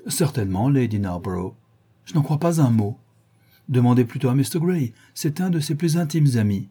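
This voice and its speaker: A man voicing a witty, cynical aristocratic gentleman who trades languid paradoxical quips. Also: medium pitch, animated, normal speed, breathy edge, pitched above the performer's own voice. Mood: wry.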